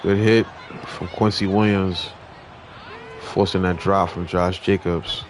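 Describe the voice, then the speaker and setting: Deep-voiced man commentating a football game. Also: takes it slowly, slight background noise. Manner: relaxed, conversational, mild restarts. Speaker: gaming commentator. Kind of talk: casual video game play-by-play commentary.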